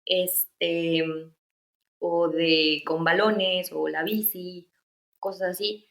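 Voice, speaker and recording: A Mexican woman in her thirties, appearing as an interview guest, casually tells stories about her experiences with many fillers and restarts. Her Mexican Spanish–accented voice is on the low side, fairly even in intonation, and very slow, heard in a reverberant space.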